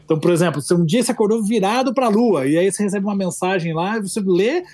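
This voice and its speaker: Fast-talking Brazilian teacher, high voice. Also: male voice, a little mellow, no echo, clean studio sound. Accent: Brazilian Portuguese. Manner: explanatory, playful, many fillers. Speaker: Portuguese teacher guest. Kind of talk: casual podcast chat.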